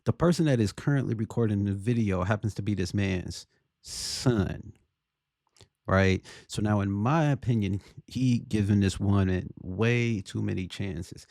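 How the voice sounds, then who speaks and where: A man giving casual opinion commentary on a video, deliberately, often checking for agreement with rhetorical questions. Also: fairly low pitch, vocal fry, a little mellow, dry recording, clean studio sound.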